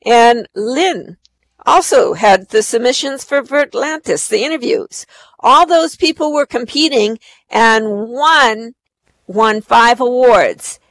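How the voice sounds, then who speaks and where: A woman's voice: on the high side, slow, no echo, low-quality recording. A woman presenting awards live at an online event as the host, effusive in her praise.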